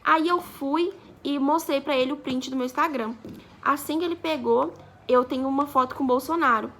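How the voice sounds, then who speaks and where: Bright, high-voiced young woman vlogger. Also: moderate pace. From Brazil. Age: 20s. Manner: chatty, acts out quoted dialogue. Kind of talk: casual storytelling vlog.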